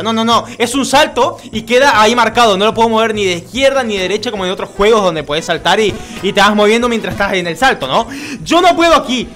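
A man commentating as he plays a video game. He gets frustrated, swears and yells at the game, and the room he records in has an echo. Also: very high voice. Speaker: YouTuber playing a video game. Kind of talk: let's-play gaming commentary.

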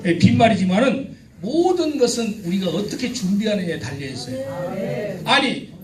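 A middle-aged man leading a joking, teasing seminar for a church crowd, sometimes shouting out cheers for the audience. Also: very high voice. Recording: echoey hall, distant mic, noisy.

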